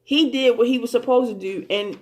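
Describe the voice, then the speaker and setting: A woman's voice: on the high side, brisk. A woman giving a casual recap and commentary on a TV episode, blunt and amused, swearing freely and using lots of fillers and restarts. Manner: rambling and profane, with many fillers and restarts. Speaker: TV show commentator.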